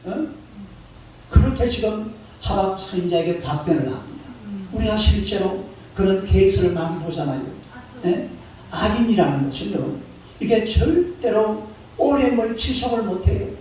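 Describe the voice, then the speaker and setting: A man's voice: high-pitched, lively intonation, moderate pace, warm tone, a little hiss or hum. A middle-aged man preaching a sermon in a church, speaking colloquially and quizzing the congregation with questions he answers himself. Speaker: pastor. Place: church sanctuary. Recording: roomy church sound from a distant mic.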